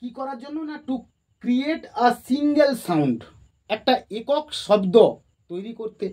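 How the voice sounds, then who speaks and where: A grammar teacher giving a lesson at a board, who dictates definitions slowly word by word and then explains them, patiently repeating key terms. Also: medium pitch, dark tone.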